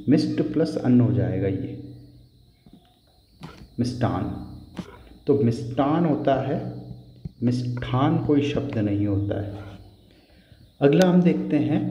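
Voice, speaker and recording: A man teaching a Hindi spelling lesson, slow and patient, repeating each word for emphasis. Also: medium pitch, echoey room, long reverb tail, muffled recording, slight background noise.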